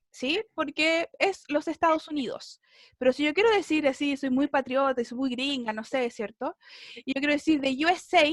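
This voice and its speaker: A woman's voice: sits high, no echo, clean studio sound. A woman with a Chilean Spanish accent, teaching an English class online in a chatty way and often checking in with her students.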